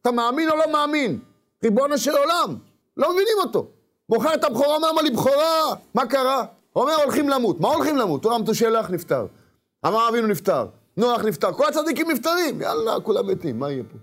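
A rabbi delivers a sermon in a high voice, speaking in an animated way. He acts out the inner voices of the people he describes and occasionally calls out loudly.

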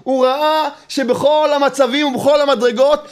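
A man gives a Torah lesson, his very high voice insistent and repetitive as he throws out rhetorical questions. He keeps it lively, working in some humor.

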